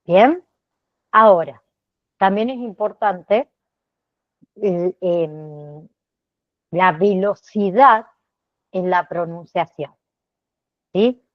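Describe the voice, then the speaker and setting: A woman's voice: medium pitch, no room sound. A woman teaching an online class. She checks in with her students with a constant "¿sí?", stops to apologize and corrects herself as she goes, and. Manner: checks in with frequent "¿sí?" tags. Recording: slightly dull, dry online-class audio.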